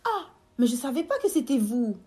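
Female guest, Italian accent, animated storyteller in an interview. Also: high-pitched, a little fast. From Italy. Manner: animated, acts out quoted voices.

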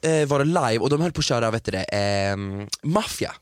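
Animated man chatting. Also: mid-range voice. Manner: animated, acts out scenes in exaggerated voices. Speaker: podcast co-host. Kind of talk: casual chat.

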